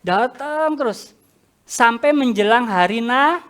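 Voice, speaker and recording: Animated woman preacher. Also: fairly high pitch, slow pace. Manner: animated, addresses congregation directly. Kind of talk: storytelling sermon.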